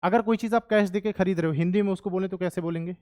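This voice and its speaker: A man with a high, light voice gives a history lecture in a classroom. He talks in a chatty way and keeps checking in with his students, switching into English phrases now and then. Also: fairly even intonation, quick pace, a little mellow. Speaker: history teacher.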